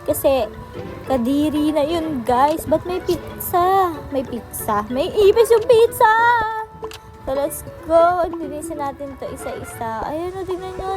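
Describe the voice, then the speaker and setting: A high-pitched woman chatting through her video game as a vlogger, talking straight to her viewers and breaking into quick exclamations. Music plays clearly behind her voice. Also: expressive. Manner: chatty, addresses viewers as guys, exclaims often. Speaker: gaming vlogger. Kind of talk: casual game commentary.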